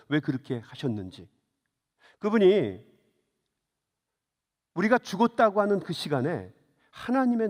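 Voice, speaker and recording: A man's voice: on the high side, darkish tone. A middle-aged man preaching a sermon as a pastor, telling a story and then urging his congregation with fervor. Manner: storytelling, rising to fervent exhortation. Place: church sanctuary. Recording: reverberant church hall.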